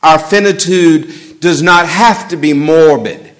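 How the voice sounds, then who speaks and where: A pastor from Atlanta with a Southern accent giving a measured, reflective funeral sermon with gentle humor in a church. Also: male voice, on the high side. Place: church sanctuary.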